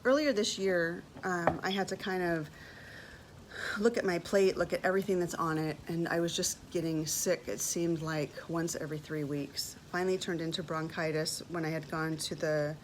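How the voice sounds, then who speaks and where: A woman's voice: on the low side, moderate pace, a little hiss or hum, low-quality recording. Emotional woman in her fifties telling a story. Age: 50s. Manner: animated, emotional storytelling with repeated words. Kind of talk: personal testimony vlog.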